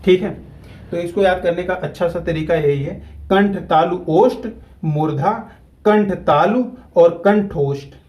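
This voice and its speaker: A man teaching a grammar lesson at a whiteboard, repeating key terms slowly so students can follow. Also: high-pitched, a little mellow, rough recording.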